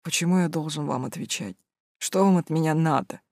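A narrator voicing a sleepy, insolent young male student who answers back in a low, sullen voice. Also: fairly quick, darkish tone, dry recording, studio quality, lightly acted.

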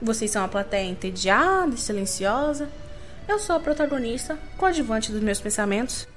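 Young woman, slightly high-pitched, theatrical self-mocking literary reader over faint music. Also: expressive, normal speed. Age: young adult. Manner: theatrical, wry, self-mocking, shifting pace. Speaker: reader of her own literary monologue. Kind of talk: dramatic literary reading.

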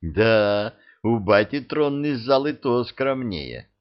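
A man's voice: medium pitch, expressive, slow pace. A man voicing a young, spirited tsar's daughter who is dreamy, curious and frank. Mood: impressed. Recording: dull lo-fi audio.

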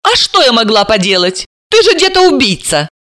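A woman's voice: fairly high pitch, sing-song, normal speed, fairly bright tone, no echo, clean studio sound, pitched above the performer's own voice. A woman doing a sarcastic defiant daughter in her thirties. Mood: teasing. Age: 30s. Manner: teasing, sarcastic.

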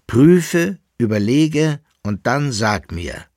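A man's voice: mid-range voice, big pitch swings, slow pace, a little mellow, no room sound, clean studio sound, pitched above the performer's own voice. A man voicing an anxious, gout-ridden older patron who speaks urgently and secretively. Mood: uneasy.

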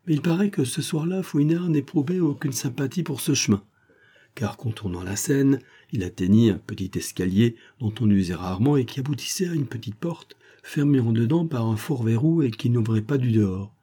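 A man narrating an audiobook in a steady, measured storytelling manner. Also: medium pitch, slightly rough. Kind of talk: scripted narration.

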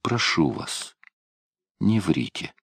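A man reading a desperate male prisoner who shouts and then pleads. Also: sing-song, very slow, slightly rough, no echo, studio quality, heavily acted. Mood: pleading. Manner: pleading, shrill outbursts.

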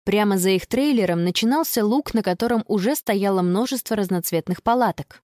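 A woman narrating a children's storybook in an expressive storytelling manner. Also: medium pitch, fairly quick, no echo, clean studio sound. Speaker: audiobook narrator.

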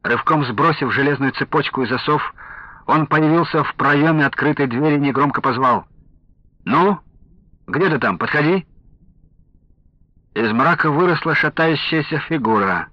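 A man's voice: on the high side, moderate pace, dry recording. Man reading a story, dry dull audio. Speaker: audiobook narrator. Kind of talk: scripted narration.

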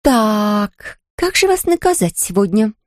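A woman playing a mischievous young woman in a storybook reading, lofty and theatrical as she acts out grand roles. Her pitch is middling, and the sound is close and dry. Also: very animated, measured pace, no room sound. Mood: haughty. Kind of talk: audiobook character reading.

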